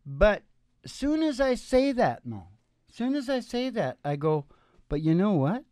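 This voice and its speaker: A high-pitched, sing-song, mellow voice, a little slow, belongs to a man in his sixties who hosts a show as a musician on a small curtained indoor stage. The sound is studio quality without echo, picked up by a close stand mic over live acoustic guitar picking, as his meandering, folksy banter wanders into asides.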